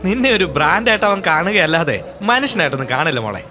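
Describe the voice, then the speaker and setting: A man plays a cheeky young prankster who rattles off his jokes in a high, bouncing voice. His teasing runs quick and animated, and music plays clearly under the film dialogue. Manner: teasing, playful, fast-talking. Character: cheeky young male student, mischievous prankster.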